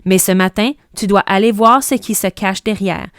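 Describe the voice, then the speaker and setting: A woman voicing a calm, reassuring mother in a storybook, speaking low and softly. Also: moderate pace, no room sound, clean studio sound, close to an everyday voice. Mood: soothing. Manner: low and soft-spoken.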